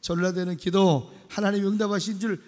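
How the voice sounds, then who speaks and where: A man preaching a sermon as pastor, animated and acting out dialogue in a loud, lively way. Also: sits high, fairly quick, big-room sound.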